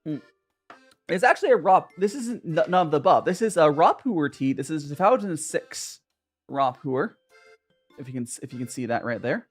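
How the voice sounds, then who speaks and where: In a casual tea-chat stream, a young Southern Californian man rambles to his live chat, making self-mocking jokes and peppering his talk with fillers and restarts. His intonation is lively, his pitch swinging widely, at a moderate pace, with soft music faintly in the background.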